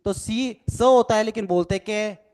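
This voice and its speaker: In a recorded lecture, a male NLP trainer with a high-sitting, darkish, clear, and resonant voice speaks at a measured pace. Blending English phrases into Hindi, he explains methodically, spells words letter by letter, and often asks "ठीक है ना".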